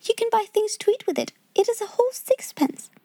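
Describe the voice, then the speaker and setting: A woman's voice: extremely high pitch, animated, brisk, mellow, dry recording, voice pushed up. A woman voicing a kind, earnest little rich boy who speaks stoutly and insists on being generous. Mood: insistent. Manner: stout, insistent, well-meaning. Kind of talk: storybook character voice.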